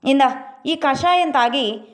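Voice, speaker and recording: A woman's voice: sits high, takes it slowly. Woman playing a tired poor village man, curt with his mother. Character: weary elder son, a poor villager.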